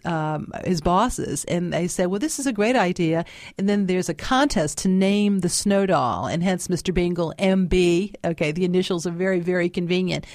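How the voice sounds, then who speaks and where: A woman's voice: on the low side, a little mellow, no echo, studio quality. A woman, a guest chatting casually in an interview with many fillers and restarts. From New Orleans. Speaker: guest author.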